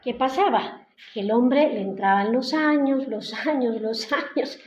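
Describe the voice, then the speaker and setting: Brief: woman, conversational lay preacher, slightly high voice, muffled echoey hall sound. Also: a little slow. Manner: conversational, retells the story in her own words with frequent "¿no?" tags. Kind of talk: informal church sermon. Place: church hall.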